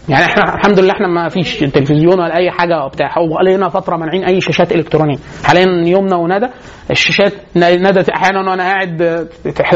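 Egyptian man, high voice, religious parenting lecture, lively storytelling, dull lo-fi recording. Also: a little hiss or hum. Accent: Egyptian Arabic. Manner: lively storytelling, laughs often.

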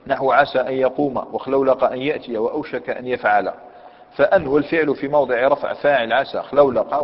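A man with an Algerian Arabic accent teaching a grammar lesson. He quizzes his students, repeats key points, and reads a commentary aloud before explaining it. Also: mid-range voice. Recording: echoey hall, dull lo-fi sound.

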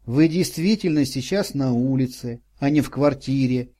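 A man voicing a kind, bewildered passerby who speaks gently and reassuringly. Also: medium pitch, normal speed, close to an everyday voice. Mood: soothing.

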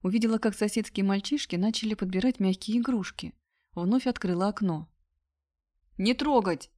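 A woman's voice: medium pitch, fairly quick, warm tone. Woman reading a subdued audiobook. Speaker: audiobook narrator. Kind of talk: first-person scripted narration.

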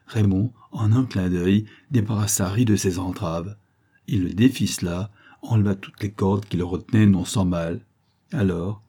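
Low husky guy narrating an old detective novel, mellow tone. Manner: measured storytelling. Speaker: audiobook reader. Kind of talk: scripted narration.

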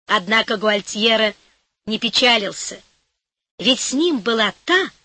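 A woman narrating a fairy tale audiobook with an even storytelling delivery and lively emphasis. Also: fairly high pitch, measured pace, dry recording.

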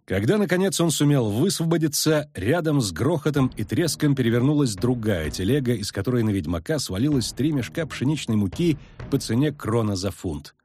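A man narrating an audiobook in a steady storytelling manner. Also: mid-range voice, fairly quick, hardly any pauses. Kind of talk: scripted narration. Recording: dry close studio with faint music.

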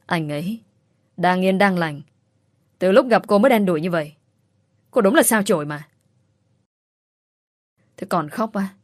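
A woman's voice: fairly low pitch, fairly quick, long pauses, no room sound, studio quality, natural voice. A woman voicing a spiteful young female rival who shrieks scornful accusations in a storybook reading. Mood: scornful, shrieking.

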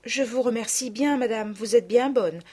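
Frail little peasant girl, played by a woman, meek, polite, higher voice, storybook reading. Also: moderate pace, dark tone, slightly rough. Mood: meek, pleading.

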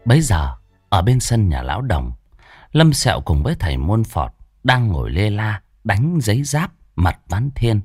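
Brief: male ghost-story narrator, animated and expressive, dry close recording. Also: lowish voice, moderate pace, husky, dry recording, soft background music. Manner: lively, animated comic delivery.

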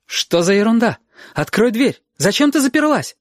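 A man voicing a worried, angry middle-aged mother who shouts demands through a door. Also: high voice, expressive, takes it slowly, dry recording, studio quality, voice pushed up, heavily acted.

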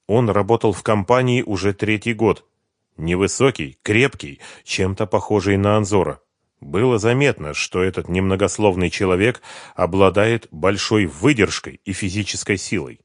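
A man reading a novel aloud as narrator in an even storytelling manner. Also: sits low, moderate pace, dry recording, studio quality. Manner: even storytelling, voicing all characters. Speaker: audiobook narrator. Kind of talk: scripted narration.

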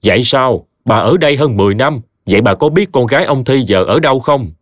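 A man's voice: mid-range voice, lively intonation, a little fast, dry recording, clean studio sound, natural voice. A man voicing a stern, scornful village chief who barks orders. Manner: commanding and contemptuous.

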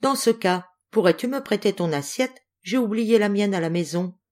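A woman voicing a cunning, clever female tortoise who talks in a slow, sly, teasing way in a storybook reading. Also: mid-range voice, animated, a little mellow, voice pushed up, lightly acted. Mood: scheming.

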